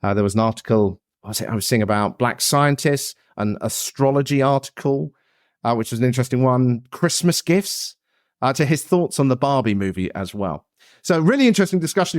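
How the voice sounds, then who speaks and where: Lively man hosting a podcast. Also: mid-range voice, no room sound, studio quality. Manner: lively, chatty, with fillers. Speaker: podcast host. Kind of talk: scripted podcast intro then casual chat.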